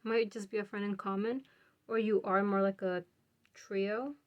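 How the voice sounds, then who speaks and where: Slow-talking, chatty woman tarot reader. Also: mid-range voice, steady tone, highs cut off. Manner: chatty, laughs often, muses aloud. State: a bit out of breath. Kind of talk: casual pick-a-card tarot reading.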